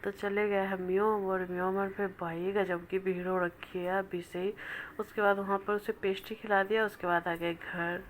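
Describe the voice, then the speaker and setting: Soft-spoken, evenly paced Bihari woman. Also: mid-range voice, flat delivery, a little hiss or hum. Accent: Bihari Hindi. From Bihar, India. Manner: speaks quietly and slowly because her child sleeps beside her. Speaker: family vlogger. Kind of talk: soft voice-over narration of a daily vlog. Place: indoors at home, child asleep nearby.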